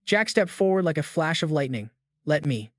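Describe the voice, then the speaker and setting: A man narrates a comic story recap in a casual, slangy manner. His voice sits a bit high and is recorded dry on a close mic. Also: animated, a little fast, a bit bright, no room sound.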